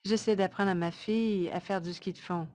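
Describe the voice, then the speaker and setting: Relaying a webinar presentation like a live interpreter, a woman delivers short phrases in a measured, somewhat halting way. Her medium-pitched voice has a steady tone and is a little mellow.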